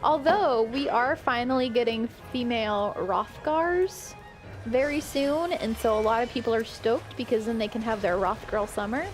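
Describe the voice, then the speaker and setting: A woman's voice: a little high, normal speed, soft background music. A woman chatting casually on a stream while she plays a game, laughing often. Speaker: guest streamer.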